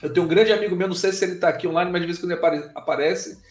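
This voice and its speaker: A man's voice: high-pitched, very fast, reverberant. A man from Bahia, hosting a live interview in a chatty, informal way. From Bahia, Brazil. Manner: chatty, informal, frequent filler words. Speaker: live show host.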